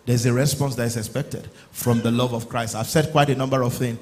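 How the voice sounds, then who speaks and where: A male pastor preaching a sermon in church, urging the congregation and sometimes rising to loud exclamations. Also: mid-range voice, steady tone, a little fast, slight background noise.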